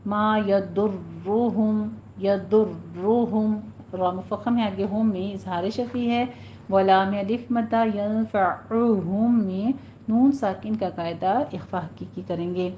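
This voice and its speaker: A woman teaching Quran recitation rules, with a Pakistani Urdu accent, speaking patiently and drawing out example words slowly to demonstrate. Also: medium pitch. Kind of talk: tajweed lesson, explaining and demonstrating recitation. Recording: dull lo-fi recording with faint hiss.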